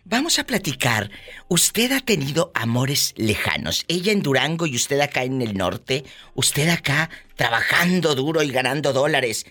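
A man's voice: medium pitch, sing-song, unhurried, sharp tone. A man with a Mexican accent hosting a comedy podcast, flamboyant, teasing and gossipy. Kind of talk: comedic radio-style hosting.

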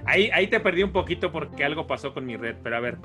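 A host chats with a guest over an online call, cracking jokes and pulling the story back on track. The voice sits at a middle pitch, and music plays clearly beneath it. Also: lively intonation, very fast. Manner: jokey, interjects and steers the story. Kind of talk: casual interview over a call.

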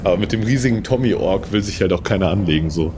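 With a low, expressive voice and fast delivery, this man hosts an improvised audio play as podcast host and game leader, keeping it casual, colloquial and full of exclamations. Clear vehicle-like noise runs behind him.

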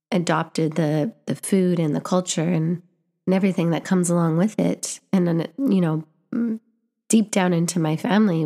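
In a warm, lowish voice, a young woman from Canada who vlogs and teaches reflects earnestly on camera. She frequently restarts and repeats herself as she hunts for the right words in this personal vlog monologue.

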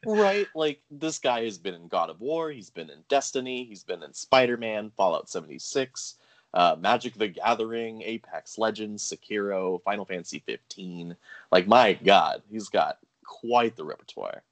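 A man co-hosting a podcast in casual chat, animated and enthusiastic, often laughing. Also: on the low side, moderate pace. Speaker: podcast co-host.

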